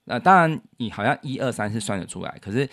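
A man's voice: mid-range voice, expressive, quick pace, fairly bright tone. A man co-hosting a casual chat, patiently explaining his piano composition step by step and counting beats aloud.

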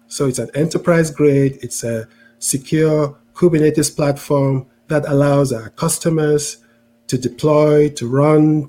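Warm-toned man with a mixed international accent. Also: on the high side. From Cameroon. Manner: explanatory, repeats words, frequent "right?" tag questions. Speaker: interview guest, tech executive. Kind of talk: conversational explanation.

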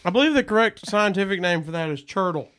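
A man co-hosting a casual snack-tasting show, talking in a playful, joking way with quick asides. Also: sits high, lively intonation, a bit bright, clear, resonant tone. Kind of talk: casual chat.

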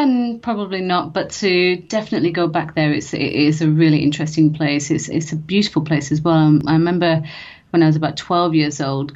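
Woman, low voice, chatty interview guest, slightly dull lo-fi sound. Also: a little mellow. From England. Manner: chatty, laughs often, frequent restarts. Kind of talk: casual interview chat.

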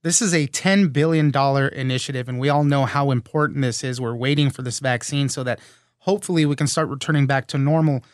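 A man's voice: mid-range voice, fairly quick, no room sound, clean studio sound. An American man speaking as a news podcast host, moving between scripted reporting and interview questions.

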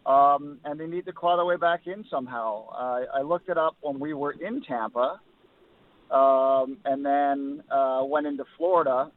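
A man's voice: medium pitch, unhurried. A man calling in from his car as a hockey insider, giving thoughtful, hedged analysis with many ums. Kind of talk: phone-in sports analysis. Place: car while driving. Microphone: phone. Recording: tinny phone line.

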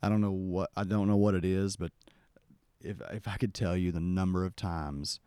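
A man's voice: sits low, steady tone, normal speed, warm tone, clear, resonant tone, dry recording. A man hosting a podcast, telling a rambling story outdoors with lots of restarts and acted-out quotes. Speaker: podcast host. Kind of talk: casual storytelling conversation.

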